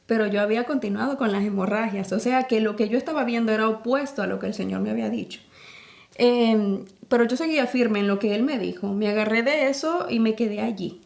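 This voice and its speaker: A woman's voice: a little high, brisk, creaky, darkish tone. A woman with a Salvadoran accent, a podcast guest earnestly telling a personal faith testimony and acting out the dialogue of the scenes she retells. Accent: Salvadoran Spanish.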